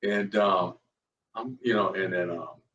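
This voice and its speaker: A retired police officer telling stories in casual chat, animated and laughing often. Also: male voice, a little slow, distant mic, dull audio. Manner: animated, laughing, jumps high in pitch when quoting others. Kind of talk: casual storytelling. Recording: roomy echo.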